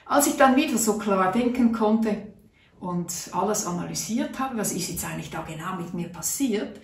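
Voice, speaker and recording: This middle-aged woman from Switzerland, a natural health vlogger, recounts a personal story to camera from a table in a small room, chatting earnestly and acting out what she was thinking. Her medium-pitched voice is expressive and moderately paced, recorded from a distance with a roomy, off-mic quality.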